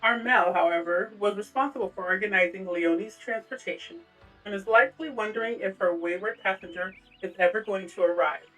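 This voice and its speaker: A woman voicing a calm quest-giving townsperson in a game, reading the lines in a measured way. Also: medium pitch, distant mic, soft background music, lightly acted, rough recording. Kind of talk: game voice acting.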